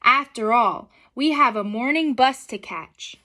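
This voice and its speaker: A young woman voicing a kindly, weary, sniffly old zookeeper in gentle storybook dialogue. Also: a little high, a little slow. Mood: gentle, content.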